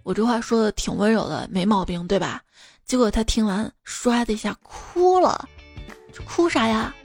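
A woman host reading out funny short stories in a light, playful way, with quick asides. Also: mid-range voice, vocal fry, a little mellow. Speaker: podcast host reading jokes. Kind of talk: comic storytelling. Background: faint background music.

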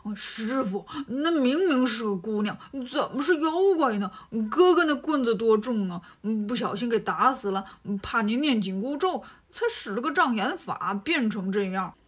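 A woman's voice: fairly high pitch, expressive, normal speed, few pauses, slightly rough. A woman voicing a greedy, grumbling male pig monk who complains and stirs trouble.

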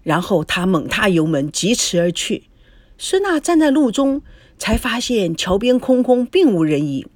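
A woman narrating an audiobook story with an expressive, dramatic reading. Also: mid-range voice, measured pace, no echo. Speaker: story reader.

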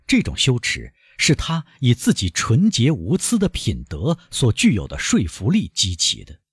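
A man reading a novel aloud as an audiobook narrator, in a dramatic, expressive manner. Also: medium pitch, normal speed, slightly rough, no echo, clean studio sound. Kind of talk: scripted narration.

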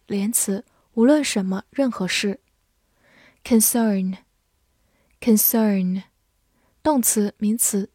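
Very slow, mellow woman vocabulary teacher. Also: a little high, no echo, clean studio sound. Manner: says each word twice, then lists its parts of speech and meanings. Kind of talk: slow word-by-word vocabulary review.

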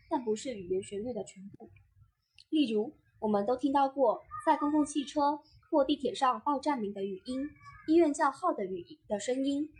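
Husky-voiced woman teaching voice acting. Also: high-pitched, a little mellow. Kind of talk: scripted instructional narration.

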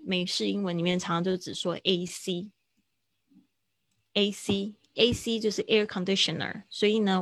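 Teacher: woman, low gravelly voice, dry close sound, slow drilling of vocabulary on a livestream lesson. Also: fairly bright tone, no echo. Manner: explains slowly, repeats words for drill. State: hiccuping. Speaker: English teacher.

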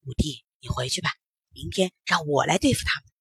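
A woman voicing a calm, brave young man who speaks plainly and steadily in a children's story. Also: deep voice, fairly quick, slightly rough, no room sound, voice pushed down, exaggerated voice. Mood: reassuring.

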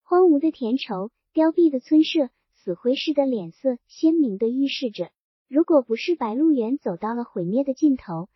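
A woman narrating a novel in a measured, literary storytelling manner. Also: sits high, lively intonation, slightly rough, dry recording. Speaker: audiobook narrator. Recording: dull, dry audiobook recording.

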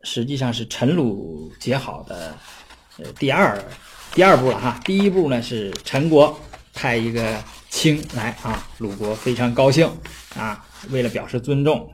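A man giving a casual explanatory lecture on classical texts. He talks in a chatty way, often checks in with his listeners, and slows down to read old passages aloud. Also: mid-range voice, a little mellow, slight background noise. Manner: chatty, often adds tag questions for listeners.

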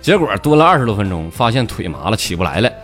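A man's voice: fairly low pitch, very animated, quick pace, fairly bright tone, faint music behind. A man with a Northeastern Mandarin accent telling jokes as a stand-up comedian, chatty and full of dialect slang. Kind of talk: comic joke telling.

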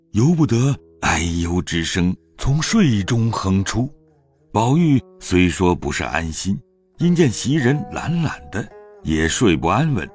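Low-voiced expressive male narrator. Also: breathy edge. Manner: expressive, animated storytelling. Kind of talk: scripted storytelling narration.

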